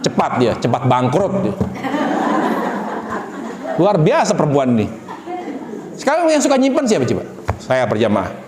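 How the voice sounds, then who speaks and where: Man, preacher, humorous sermon, lively pitch, roomy echo. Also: moderate pace, pauses often, background noise. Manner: animated, jumps high in pitch and acts out wife and husband in quoted lines.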